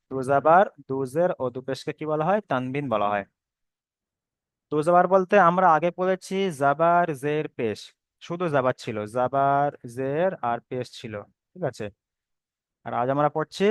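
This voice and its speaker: A man's voice: on the high side, clean tone, dry recording. A man teaching a Quran reading lesson, patiently explaining and repeating, stretching sounds out when he demonstrates the letters.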